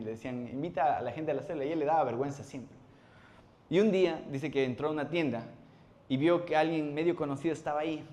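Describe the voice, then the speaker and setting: Pastor, mid-pitched male voice, lively storytelling sermon that acts out the voices in its stories. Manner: animated storytelling, acts out voices, laughs often. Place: church.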